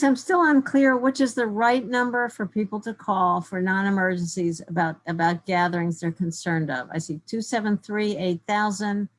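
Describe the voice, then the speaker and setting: A woman with a mid-range voice takes part in a committee conference call. She speaks in an inquiring way, working to get practical points clear. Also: medium pitch, low-quality recording. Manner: inquiring, seeks clarification. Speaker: committee member. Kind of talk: questioning in a conference call meeting.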